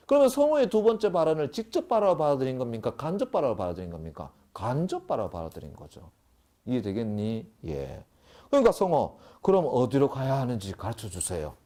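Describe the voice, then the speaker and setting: A man's voice: fairly high pitch, mellow. A middle-aged man teaching a grammar lecture to a class, who keeps checking that students follow with short questions.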